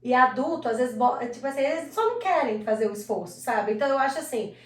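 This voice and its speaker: A Brazilian woman co-hosting a casual videocast, chatty and animated, laughing easily. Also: high-pitched, quick pace, recorded from a distance. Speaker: co-host. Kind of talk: casual chat. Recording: echoey room, slightly off-mic.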